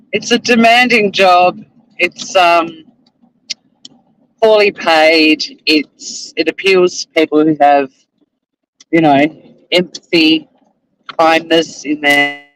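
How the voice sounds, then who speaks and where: Speaking slowly and pausing often, a middle-aged Australian vlogger who is also a lawyer rambles to camera from inside his car as he drives. He's self-deprecating and swears casually, in a fairly bright voice on the high side. The audio quality is poor.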